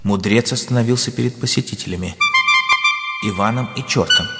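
Man narrating a tale over loud music. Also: on the low side. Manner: measured, expressive reading. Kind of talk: dramatic storytelling narration.

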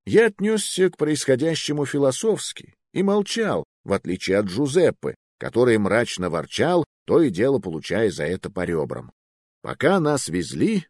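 A man narrating a first-person fantasy audiobook in an expressive storytelling manner. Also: fairly low pitch, no echo, clean studio sound.

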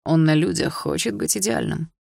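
A cold, mocking young man, as a woman reading an audiobook puts him on. His voice is lowered and gravelly, with a dry, close sound and no room around it. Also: normal speed, darkish tone, dry recording, full character voice. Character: young male stepfamily characters, cold and mocking.

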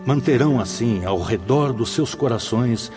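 In a radio drama, a male actor with a mid-range, lively voice plays a fatherly spirit mentor, speaking at a normal pace with light acting. The mentor teaches formally and in a measured, solemn, instructive way. Music plays behind him amid long reverb.

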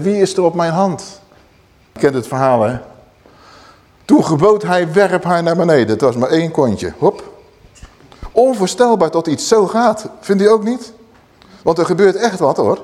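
Animated preacher man, raised voice. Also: fairly high pitch. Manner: lively Bible storytelling with blunt colloquial asides. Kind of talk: sermon.

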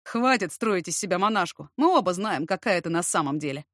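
A woman's voice: on the low side, expressive, brisk, a bit bright, no room sound, studio quality. A woman voicing a drunk, cocky young man who taunts with a mocking drawl. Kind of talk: audiobook character reading.

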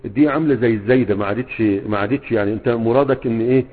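A man's voice: medium pitch, racing. A man with an Egyptian accent, a sheikh teaching a grammar class, who keeps prompting his students with fill-in questions and checks that they follow. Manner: fills gaps with quiz-like questions and checks the students often. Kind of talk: classroom lesson. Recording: tinny phone-like sound in a reverberant hall.

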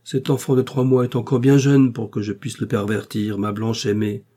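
A man's voice: medium pitch, little pitch movement, normal speed, warm tone, natural voice. A man reading aloud and voicing a charming young husband who coaxes and pleads in a storybook reading. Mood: coaxing. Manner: coaxing, playful.

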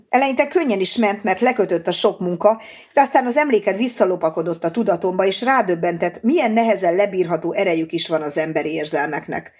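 A woman reading an audiobook, voicing a young man merged with an ancient alien mind who speaks calmly and patiently. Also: on the low side, slightly rough. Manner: calm, patient, persuasive.

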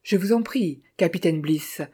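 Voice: medium pitch, unhurried, mellow, husky. Narrator voicing a stern millionaire ranch owner. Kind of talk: audiobook character voice.

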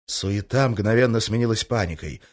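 Male narrator, fairly low voice, audiobook reading, brisk, tense. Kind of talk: scripted narration.

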